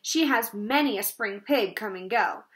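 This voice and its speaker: A woman voicing a calm, wise female spider who speaks briskly and firmly. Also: a little high.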